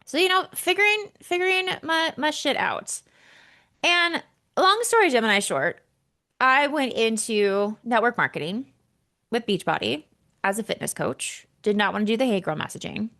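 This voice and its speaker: A woman's voice: a little high, normal speed. Candid woman telling her own story. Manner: candid, animated, casual swearing. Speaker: podcast host and entrepreneur. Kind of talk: personal storytelling monologue.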